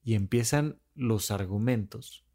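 A podcast host chats casually about relationships, acting out bickering couples in quick quoted voices. His delivery is animated, swinging between high and low pitch.

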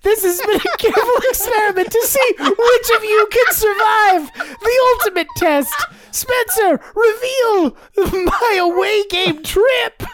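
A woman's voice: very high voice, a little slow, few pauses, pitched above the performer's own voice. A woman voicing a pompous male athletic director who makes grand, old-fashioned proclamations. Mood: grandiose.

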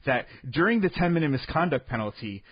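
A man telling a comic sports story in a deadpan way, full of absurd made-up details, rambling and restarting his sentences. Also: on the high side, brisk, slightly rough, dry recording, lo-fi sound. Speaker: comedic storyteller.

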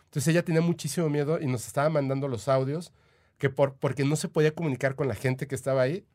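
A man with a Mexican accent talks as a podcast guest, telling his stories in loose, eager chat. His voice sits at an ordinary middle pitch, and he fills his pauses with small verbal fillers. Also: steady tone, darkish tone. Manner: chatty, eager, full of "o sea" and "este" fillers. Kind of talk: casual storytelling.

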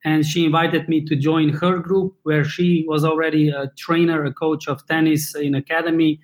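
A man's voice: on the high side, level tone, normal speed, low-quality recording. A man from Slovenia in his thirties talks as an interview guest in a slightly raised voice. He hesitates often, restarting phrases and filling gaps while he hunts for his words. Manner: searching for words, many fillers and restarts, non-native English. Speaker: guest, former table tennis player and coach. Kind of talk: casual interview talk.

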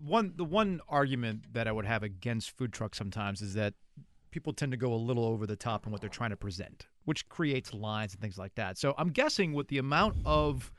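A man's voice: mid-range voice, expressive, a little fast, a bit bright, no room sound. A man hosting a podcast, asking questions in a casual, chatty interview style.

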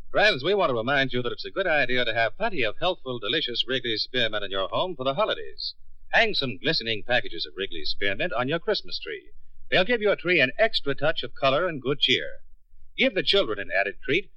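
A man's voice: mid-range voice, sing-song, fairly quick, bright, forceful tone, no echo. A man reading ads and credits as an old radio announcer, in a polished, upbeat sales delivery. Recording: dull vintage radio broadcast, music behind.

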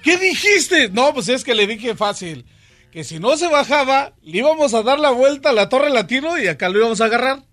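High-voiced co-host telling jokes. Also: male voice, big pitch swings, brisk, fairly bright tone, faint music behind. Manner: rambling storyteller with many fillers. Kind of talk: radio joke telling.

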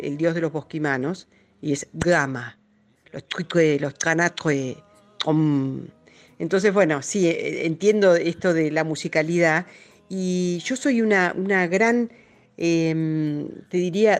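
A woman, a musician and music educator answering interview questions in an earnest, explaining way. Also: deep voice.

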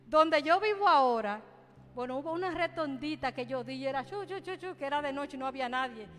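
High-voiced woman preaching a fervent testimony. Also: fairly quick, big-room sound, faint music behind. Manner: fervent, repeats phrases for emphasis. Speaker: church speaker giving a testimony. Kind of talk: sermon testimony.

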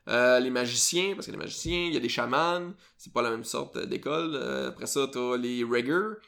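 Gravelly Quebec French podcast host. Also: male voice, mid-range voice, normal speed, a bit bright. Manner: rambling, lots of fillers and self-corrections. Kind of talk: casual chat.

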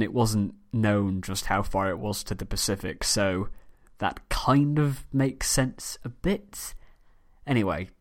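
Low-voiced British man narrating history. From United Kingdom. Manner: measured storytelling with chatty personal asides. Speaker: history podcast host.

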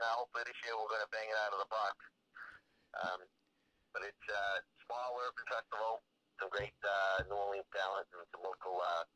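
A man's voice: on the low side, pushed and bright, no echo, poor audio. A middle-aged man with a Massachusetts accent, calling in over a phone on speaker as a festival organizer, chatting in a rambling way with lots of fillers. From Boston area, Massachusetts. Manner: rambling, loose with many fillers. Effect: heard over a phone on speaker held to the mic. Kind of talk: casual phone-in chat.

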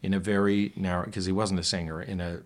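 A man with a low voice speaks quickly and flatly. He's a musical theatre actor appearing as a guest in a casual conversation, rambling reflectively and frequently restarting his sentences.

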